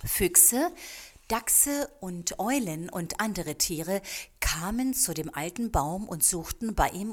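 A woman reads a storybook aloud at an unhurried pace, calm and measured. Her voice sits on the lower side. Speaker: narrator. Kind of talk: storybook reading.

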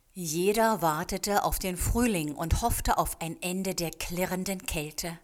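Slow, calm woman reading a storybook. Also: on the low side. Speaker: narrator.

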